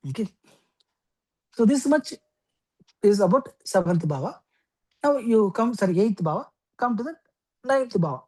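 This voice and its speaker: Woman, astrology teacher, lecturing, unhurried, fillers and okays. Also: mid-range voice, expressive, darkish tone, breathy edge, low-quality recording. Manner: explains slowly with many okays and fillers.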